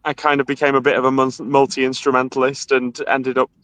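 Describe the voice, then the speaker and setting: A man's voice: mid-range voice, monotone, brisk, fairly bright tone, no room sound, low-quality recording. A man in his thirties with a Manchester accent, a guest musician chatting casually and laughing often over a video call. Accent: Mancunian. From England. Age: 30s. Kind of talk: casual chat.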